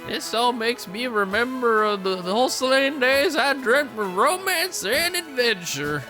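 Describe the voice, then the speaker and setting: A woman doing a slow, musing old man. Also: a little high, big pitch swings, pushed and bright, soft background music, voice pushed up, exaggerated voice. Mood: wistful.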